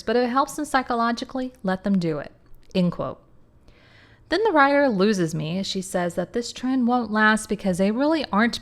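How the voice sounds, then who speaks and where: A woman hosting a history channel, reading quotes from old fashion articles and cutting in with sarcastic asides. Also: mid-range voice. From rural upbringing. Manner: sarcastic asides between quotations.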